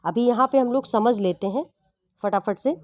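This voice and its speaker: A woman's voice: a little high, normal speed, a little mellow. Woman teaching grammar. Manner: patient, repeats and checks understanding. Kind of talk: explaining English grammar to exam students.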